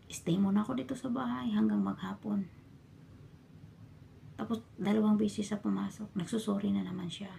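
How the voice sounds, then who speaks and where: A woman from the Philippines, a domestic worker abroad, telling her story in a casual vlog and often dropping into a hushed whisper. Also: medium pitch, steady tone, normal speed, creaky, long pauses, a little hiss or hum. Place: a bedroom in her employer's home.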